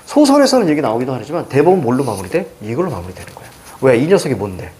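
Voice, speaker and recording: A middle-aged man teaching Korean literature for exams, lecturing in a lively way and firing quick questions at his students. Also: mid-range voice, background noise. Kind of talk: exam-prep lecture.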